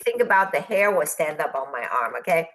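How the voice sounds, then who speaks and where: With a deep voice and a brisk pace, a guest speaker at a business forum shares a lively business story on a video call. She laughs and quotes people in raised tones, though the recording is low quality.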